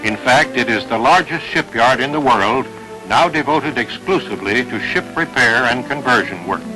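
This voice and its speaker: A man's voice: mid-range voice, lively intonation, moderate pace, low-quality recording. A man giving formal announcer-style narration in an old newsreel. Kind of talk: scripted documentary narration. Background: music.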